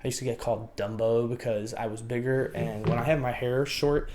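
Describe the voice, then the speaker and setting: A young man, Lithuanian by first language but raised in the United States, tells his own life story in an unscripted vlog. His mid-range, darkish voice is fairly even in intonation and a little fast, with slight background noise. He's reflective and rambling, often hedging with "I would say" and "you know" as he searches for words.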